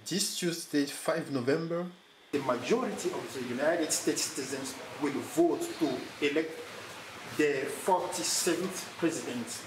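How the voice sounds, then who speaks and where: A man hosting an interview, asking formal, slightly halting questions. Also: fairly high pitch. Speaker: interviewer, host. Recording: roomy room with clear ambient noise.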